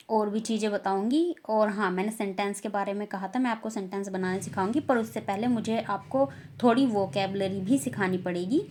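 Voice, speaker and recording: A young woman teaching a beginner language lesson, saying each new word slowly and loudly, twice over. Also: mid-range voice. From India.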